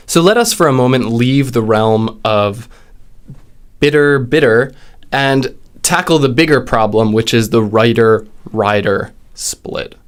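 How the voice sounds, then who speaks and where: Male lesson host, mid-pitched, patient delivery that stretches out the example vowels. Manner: deliberate, drawing out example words and vowel sounds. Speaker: linguistics video host. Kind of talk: explanatory lesson.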